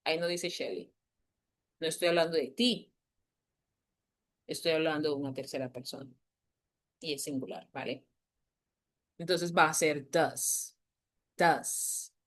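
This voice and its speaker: A woman teacher explaining grammar to a class, patiently repeating key points and slowing down to stress them. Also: low voice, steady tone. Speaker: English teacher.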